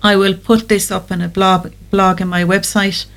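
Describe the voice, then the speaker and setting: Mid-pitched woman explaining as an expert guest. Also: little pitch movement, normal speed, gravelly. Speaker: guest anxiety therapist on a show. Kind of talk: explanatory advice in an interview.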